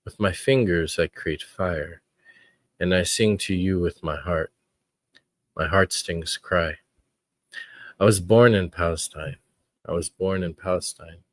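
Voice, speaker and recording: A man hosting his own podcast, talking in an earnest, reflective way with frequent pauses. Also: deep voice, no echo. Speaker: podcast host. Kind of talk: casual podcast commentary.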